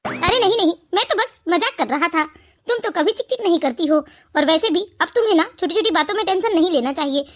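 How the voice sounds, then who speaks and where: A soft-spoken young husband in an animated family cartoon, voiced by a performer. His very high voice stays gentle and placating as he soothes his wife. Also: fast talker. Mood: soothing.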